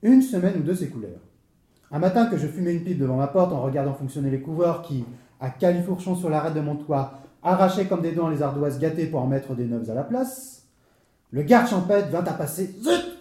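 Comic storyteller, played by a man: wordy, theatrical, quick to fluster; slightly high, mellow voice in a roomy room. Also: animated, natural voice. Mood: peeved. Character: talkative man telling a comic misadventure. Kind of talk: stage comedy dialogue.

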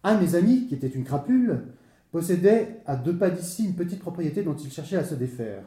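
A man's voice: fairly high pitch, animated, fairly quick, dark tone, roomy sound, lightly acted. A man playing a talkative man who tells a comic misadventure with theatrical, wordy flair and is easily flustered. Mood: lively. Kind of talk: stage comedy dialogue.

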